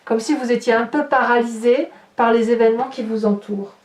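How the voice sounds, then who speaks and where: A woman's voice: a little high, steady tone, a little fast, a little mellow. A woman giving a tarot reading, musing aloud with hesitations and rhetorical questions as she turns the cards. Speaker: tarot reader. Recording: roomy, distant mic.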